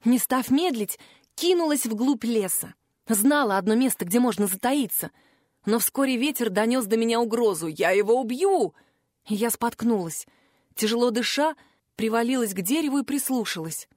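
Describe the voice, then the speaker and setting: A woman narrating a first-person audiobook in an expressive storytelling manner, close to the mic. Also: a little high, moderate pace, dry recording.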